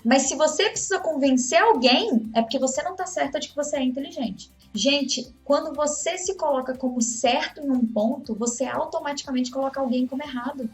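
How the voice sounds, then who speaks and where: High-voiced Brazilian woman giving advice. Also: a little fast, hardly any pauses, faint music behind. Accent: Brazilian Portuguese. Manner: conversational, acts out example dialogues. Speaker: course instructor. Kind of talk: motivational talk on communication.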